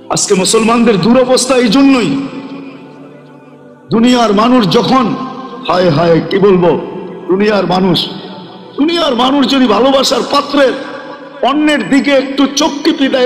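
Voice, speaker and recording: A man preaching a sermon, chanting long lists in a steady rhythm and rising into shouts. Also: high voice. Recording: echoey hall, long reverb.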